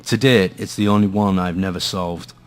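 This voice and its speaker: An actor with a low voice, fairly even intonation, and a moderate pace close to his everyday speech plays a gloomy, hard-boiled detective in a noir radio play. He narrates and speaks his lines with brooding, grim drama.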